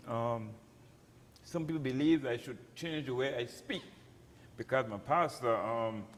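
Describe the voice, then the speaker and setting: A man's voice: medium pitch, a little slow. A man with a Crucian Virgin Islands accent, a pastor speaking candidly in an informal, down-to-earth way. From St. Croix, Virgin Islands. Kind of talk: candid personal talk. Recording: reverberant hall with background noise.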